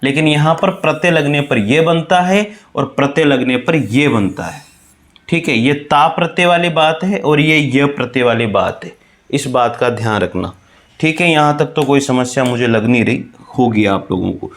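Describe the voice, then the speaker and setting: Hindi grammar teacher, slow and repetitive. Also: male voice, medium pitch. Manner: explains slowly, repeating words, addresses students as "bhai". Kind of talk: exam-prep spelling lesson.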